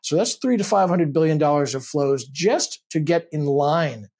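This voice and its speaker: A man with a husky, slightly high voice answers interview questions in a studio. He speaks steadily and carefully, pausing often on fillers. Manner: steady, measured, many "uh" fillers. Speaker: investment expert guest.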